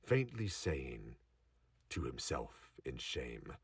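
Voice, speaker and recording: Narrating a scripted audio drama, this man has a bass voice with big pitch swings, a slow pace and a slightly rough edge. He is recorded at some distance from the microphone, with noise behind him.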